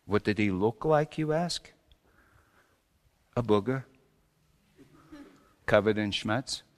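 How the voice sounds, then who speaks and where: Male performer as wry, exasperated old-world carpenter, comic stage monologue, unhurried and very animated, big reverberant hall. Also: fairly low pitch. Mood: wry, confiding. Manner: theatrical, swinging between hushed asides and shouted exclamations. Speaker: storyteller preaching in character. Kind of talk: comic dramatic monologue to a congregation.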